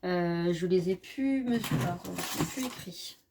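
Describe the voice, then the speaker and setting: A woman chatting casually through a craft tutorial, often correcting herself and filling pauses as she works. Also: on the low side, creaky, background noise. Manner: chatty, self-correcting, many fillers. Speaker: scrapbooking crafter.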